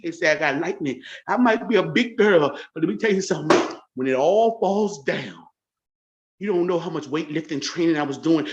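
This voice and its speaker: A woman's voice: fairly low pitch, lo-fi sound. A woman in her forties talking straight to camera in a confrontational rant, taunting and repeating herself. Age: 40s. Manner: taunting, repetitive, boastful. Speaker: church livestream host.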